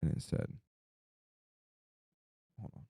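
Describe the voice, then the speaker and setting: A man's voice: slow, warm tone, no room sound, studio quality. A young man, sleep-deprived and drowsy, rambling casually through a personal story in loose slang with some swearing.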